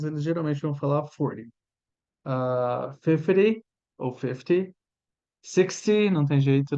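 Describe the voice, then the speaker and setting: A Brazilian man in his thirties with a Brazilian Portuguese accent, an English teacher giving a chatty lesson and drilling pronunciation with slow repeats. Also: a little high, warm tone, muffled recording. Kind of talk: informal language lesson.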